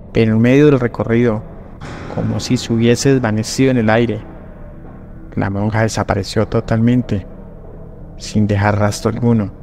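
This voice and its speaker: A man with a low voice narrates a dramatic, scripted horror tale. It's a voice-over laid over rainy night images, with soft music in the background.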